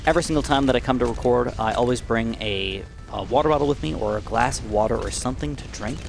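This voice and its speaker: Against background noise, a young gaming YouTuber talks quickly in a mid-range, somewhat raspy voice. His casual, excitable commentary moves from enthusiastic outbursts to muttered asides.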